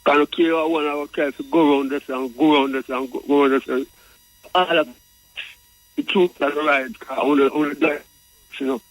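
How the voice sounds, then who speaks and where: A man's voice: fairly high pitch, fairly quick, dry recording, poor audio. Jamaican Rasta man reasoning on radio. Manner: repeats and circles back over phrases. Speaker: radio call-in guest. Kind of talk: Rasta speech, reasoning about tradition.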